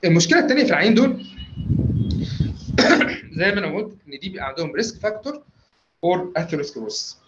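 A man with an Egyptian Arabic accent giving a medical lecture, quickly quizzing his listeners with questions and answering them himself. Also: sits high, very animated, highs cut off, a little hiss or hum.

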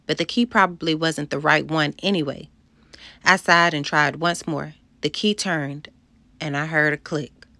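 Low-voiced woman reading a storybook aloud. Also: dry recording. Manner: expressive, voices the dialogue. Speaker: audiobook narrator. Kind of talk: first-person storybook narration.

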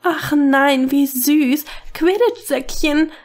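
A woman voicing an excitable young woman who gushes in a raised, bright tone in a storybook reading. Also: high-pitched, takes it slowly, faint music behind, voice pushed up. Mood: gushing.

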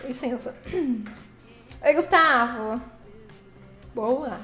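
A woman's voice: a little high, drawn-out words, bright, forceful tone, roomy sound, faint music behind. A woman live-streaming a truck game, chatting casually, laughing often and greeting viewers by name.

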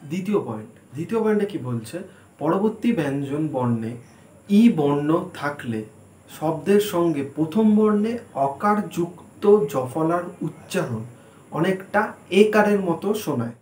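A man's voice: fairly high pitch, big pitch swings, normal speed, darkish tone. A man giving a spelling lesson at a board, asking questions and answering them himself as he spells words out letter by letter. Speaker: teacher. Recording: echoey room.

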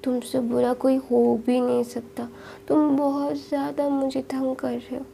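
A woman voicing a defiant, sharp-tongued seventeen-year-old young man in a retold romance story, close to her own voice. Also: sits high, little pitch movement, measured pace, creaky, exaggerated voice. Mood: irritated.

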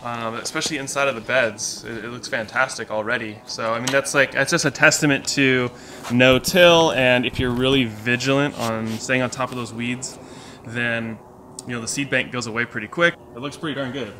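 A man interviewing a farmer he mentored, speaking casually outdoors in a backyard garden and encouraging him with quick affirmations. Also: mid-range voice, fairly even intonation, bright, forceful tone, slight background noise.

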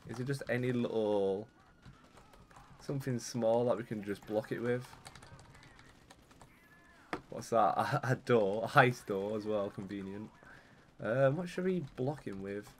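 A man's voice: on the low side, unhurried, long pauses, slight background noise. A young man giving casual, rambling commentary while playing a video game. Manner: chatty, rambling, excitable when things go wrong. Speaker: gaming YouTuber.

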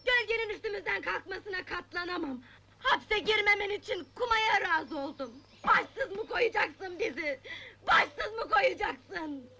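An actress playing a desperate wife, crying and pleading, in an old film drama. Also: female voice, extremely high pitch, expressive, unhurried, noisy background, full character voice. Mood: sobbing pleading. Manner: pleading, sobbing.

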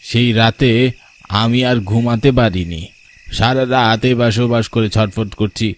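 A young man narrating a first-person ghost story in a tense, hushed way. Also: mid-range voice, steady tone, takes it slowly.

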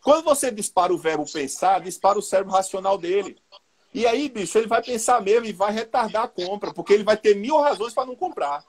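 Brazilian man, sales trainer, fairly high and husky voice, chatty and direct with his listeners. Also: quick pace. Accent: Brazilian Portuguese. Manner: colloquial, lively, addresses the audience directly. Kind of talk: live online sales talk.

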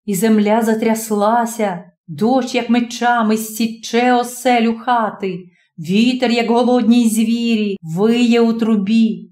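A woman narrating a classic story as an audiobook, expressive and dramatic. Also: on the high side, slow, few pauses. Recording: roomy echo.

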